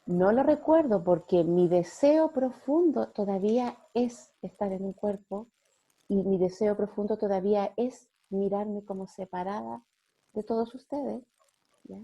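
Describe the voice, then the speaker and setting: A middle-aged woman giving a gentle spiritual talk to a group, often checking in with her listeners. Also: medium pitch, highs cut off. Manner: gentle, slow, with frequent "¿ya?" checks.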